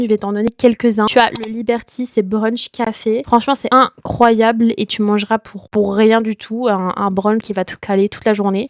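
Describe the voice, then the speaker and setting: A woman's voice: fairly high pitch, a little mellow, dry recording, clean studio sound. A young woman giving casual, enthusiastic travel tips straight to the viewer. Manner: chatty, enthusiastic, addresses viewer as tu. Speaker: travel vlogger.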